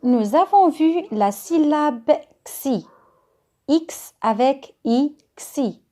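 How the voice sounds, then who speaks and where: A woman's voice: high-pitched, animated, extremely slow, mellow. A woman teaching a phonics reading lesson to young children, spelling letters and syllables out carefully, with a Moroccan French accent. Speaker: kindergarten teacher.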